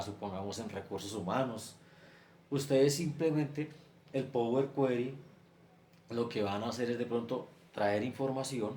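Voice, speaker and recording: Medium in pitch and slightly mellow, a man teaches a spreadsheet lesson as a screen-share class lecture, working step by step and stacking example on example. The room echoes, and faint ambient noise is present.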